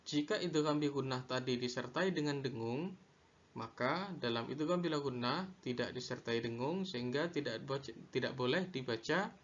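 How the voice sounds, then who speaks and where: A man teaching a lesson on Quran recitation rules, slow and deliberate, repeating each definition. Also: medium pitch, highs cut off. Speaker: religious studies teacher.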